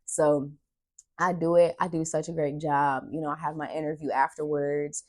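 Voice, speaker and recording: A young woman vlogging in a casual storytelling way, her voice sitting low. She is chatty and keeps acting out what people said to her. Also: little pitch movement, normal speed. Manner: chatty, retells dialogue with "I was like".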